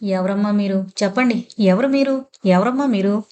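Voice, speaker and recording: A woman's voice: mid-range voice, moderate pace, dark tone, close to an everyday voice. A woman doing a timid, polite pleading man. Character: timid, courteous older man.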